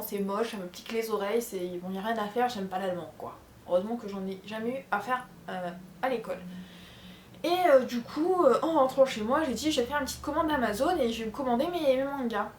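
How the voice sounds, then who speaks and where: In her bedroom at home, a young vlogger from France speaks with a Charente accent as she answers viewer questions in a relaxed, rambling way, full of fillers and corrections of herself. Her voice is slightly high and a bit mellow. The sound is roomy, with some faint hiss or hum.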